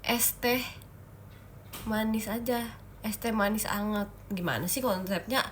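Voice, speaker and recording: A woman's voice: medium pitch, unhurried, a bit bright, slight background noise. A young woman hosting a casual livestream chat, playful and giggly, teasing her viewers while sick with a cough and a stuffy nose. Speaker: idol livestream host.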